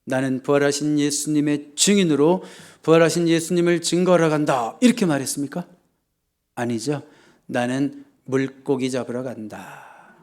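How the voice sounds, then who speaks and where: A male pastor delivers a sermon in a church, his voice sitting a little higher than most men's. He tells the story in an animated way, stopping often to put questions to the congregation. Now and then he bursts into loud acted shouts. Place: church sanctuary.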